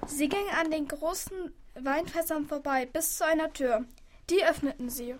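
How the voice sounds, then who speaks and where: High-voiced, chatty woman narrator. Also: moderate pace, a little hiss or hum. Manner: chatty, confiding, addresses the listeners. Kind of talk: children's radio play narration.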